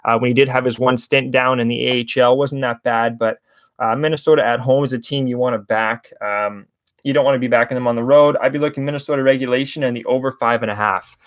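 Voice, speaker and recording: Talking fast with fairly even intonation at medium pitch, a young sports betting host runs a casual hockey livestream. He rambles chattily through his picks and addresses chat viewers as guys. There's no room sound.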